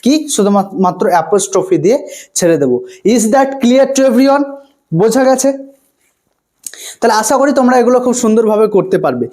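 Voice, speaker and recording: A man's voice: sits high, animated, brisk, long pauses, a little mellow. A man teaching an online grammar lesson, repeating each point and often asking his students if they follow. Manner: asks questions and answers them himself.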